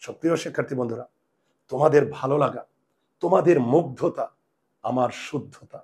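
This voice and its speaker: A man's voice: mid-range voice, brisk, a little mellow. A man teaching a grammar lesson to students, emphatic and repeating key points. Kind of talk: classroom-style video lesson.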